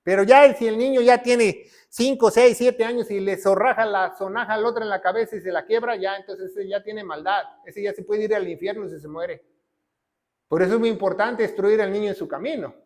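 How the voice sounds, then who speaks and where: A man preaches emphatically in a strikingly high voice. He swings between loud declarations and quiet, low lines. He keeps checking in with his listeners through short tag questions. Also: steady tone, brisk. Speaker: pastor. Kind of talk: sermon.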